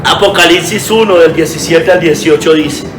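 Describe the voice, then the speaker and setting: A man's voice: a little high, normal speed, reverberant, noisy background. A pastor preaching a sermon in earnest, reading scripture aloud and calling his listeners brothers.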